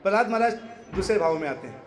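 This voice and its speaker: A man with a notably high voice delivers a devotional talk to a live audience. He keeps stopping to quiz his listeners and laughs easily as he teaches. His voice rings around an echoey hall. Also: lively intonation, quick pace, crowd noise. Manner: quizzes the audience and laughs often while teaching. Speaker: spiritual preacher.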